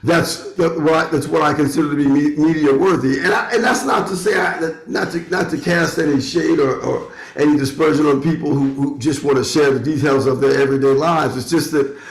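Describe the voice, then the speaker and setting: Middle-aged male musician, conversational, halting and repetitive phrasing, fairly high pitch, echoey home studio. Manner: halting, repeats phrases as he reasons. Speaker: musician, guest. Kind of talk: casual chat. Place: bedroom turned home studio. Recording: roomy, echoing internet call audio.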